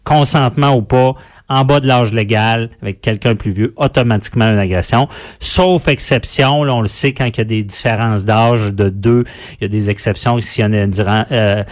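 Halting Quebec man explaining the law. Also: fairly low pitch, fairly even intonation. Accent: Quebec French. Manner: explanatory, halting, stumbles over words. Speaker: legal analyst guest.

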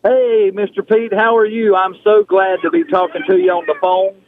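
A man's voice: high voice, fairly even intonation, moderate pace. A male radio caller heard over the phone, talking politely and stumbling over repeated words when he criticizes. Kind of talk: call-in talk radio comment. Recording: tinny phone line with faint noise.

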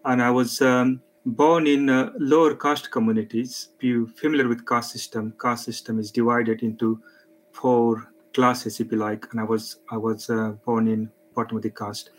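Man, flat even pitch, halting earnest explanations, interview guest. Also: soft background music, rough recording. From India. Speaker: charity guest. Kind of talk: interview answers.

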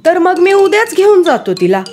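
A woman voicing a blunt, husky-voiced old village elder who speaks decisively. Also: very high voice, sing-song, moderate pace, darkish tone, soft background music, pitched above the performer's own voice.

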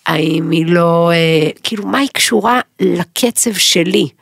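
A middle-aged woman co-hosting a podcast in casual chat, rambling, emotional and quick to joke. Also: on the low side, gravelly, no echo. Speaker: podcast co-host.

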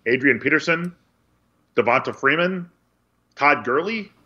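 A man's voice: on the high side, lively intonation, measured pace, pushed and bright. A man co-hosting a sports podcast, reading news and chatting casually with a dry, wry delivery. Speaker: podcast co-host. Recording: dull lo-fi sound.

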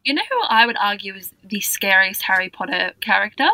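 A woman co-hosting a radio show in casual chat, playful with quick reactions and laughter. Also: medium pitch, pushed and bright, no room sound, poor audio.

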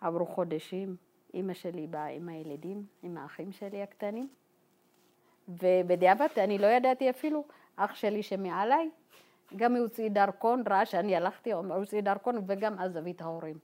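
A woman from Ethiopia telling her own life story to a group in a halting, informal way, full of fillers and re-enacted dialogue. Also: mid-range voice, a little mellow. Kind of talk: personal testimony told to a group.

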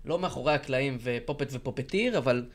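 A man co-hosting a podcast, steering the talk and building his points step by step. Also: mid-range voice. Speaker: podcast co-host. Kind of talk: casual chat.

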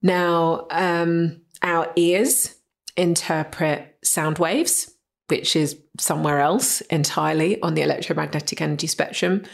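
Woman, podcast host, low voice, raspy, enthusiastic and emphatic. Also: fairly even intonation, measured pace. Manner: enthusiastic, emphatic, asks rhetorical questions. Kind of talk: solo podcast explainer.

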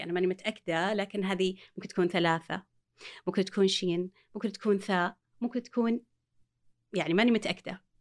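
A woman, explaining reading step by step with examples as a guest. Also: on the low side. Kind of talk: explanatory talk show chat.

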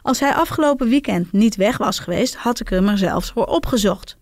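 A woman's voice: medium pitch, expressive, moderate pace, darkish tone, dry recording, studio quality. A woman reading a serialized first-person diary story in an intimate, confiding way. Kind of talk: scripted first-person narration.

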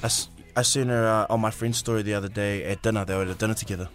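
A man's voice: lowish voice, steady tone, rapid-fire, soft background music. A man with a Māori-influenced New Zealand accent, hosting casual radio banter in an informal, slangy way. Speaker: radio host.

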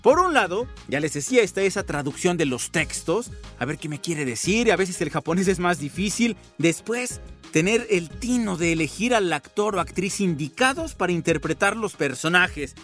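Male podcast host, high voice, eager and admiring, faint music underneath. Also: animated, moderate pace, a bit bright. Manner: enthusiastic, admiring. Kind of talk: scripted podcast narration.

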